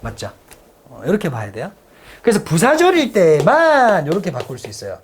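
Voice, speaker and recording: A teacher giving a casual grammar lecture in a classroom, explaining things with quick rhetorical questions. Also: mid-range voice, wildly swooping pitch, a little hiss or hum. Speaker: English teacher. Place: classroom with a blackboard.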